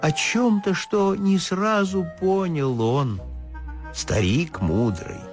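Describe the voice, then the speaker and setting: A woman narrating a children's fairy tale in a lively, expressive way. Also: lowish voice, takes it slowly, music in the background. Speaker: storyteller.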